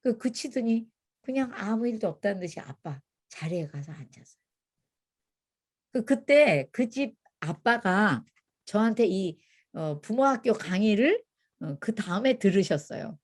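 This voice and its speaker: An older woman teaching a church parenting class, telling stories in a lively way and acting out what people said. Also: medium pitch, a little slow, slightly rough. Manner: lively storytelling, acting out quotes. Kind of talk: church parenting lecture with anecdotes.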